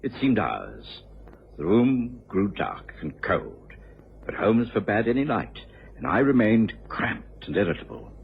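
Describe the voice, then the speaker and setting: Low, very animated English doctor. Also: male voice, measured pace, creaky, heavily acted. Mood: grave storytelling. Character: loyal, grumbling, doubtful English doctor and storyteller. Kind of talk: old-time radio drama acting and narration. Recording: dull, hissy old radio recording.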